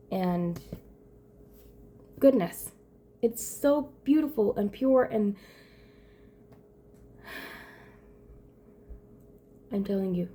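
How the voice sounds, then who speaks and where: A woman's voice: mid-range voice, dark tone. Earnest woman giving a self-help talk. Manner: earnest, emphatic, repeats phrases and restarts. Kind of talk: motivational monologue to camera.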